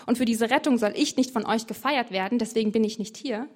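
Earnest male teacher figure, read by a woman with firm emphasis, pitched a touch high. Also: fast, darkish tone, close to an everyday voice. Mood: earnest, insistent.

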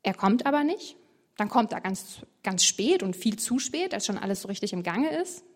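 A woman teaching on a Bible passage in a lively, colloquial way, full of rhetorical questions. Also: medium pitch, normal speed. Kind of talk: devotional bible commentary.

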